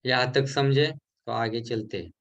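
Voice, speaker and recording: A man giving a recorded lesson for a healing course, explaining slowly and repeating syllables to show how they are spoken. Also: mid-range voice, lo-fi sound. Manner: mixes English terms into his explanations.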